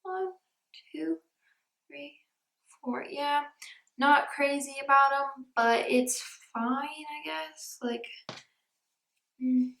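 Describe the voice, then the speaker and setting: High, gravelly woman in an echoey room. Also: very slow, long pauses. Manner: chatty, often drops to a soft near-whisper. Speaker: beauty vlogger. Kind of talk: casual unboxing chat. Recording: echoey room, no proper mic.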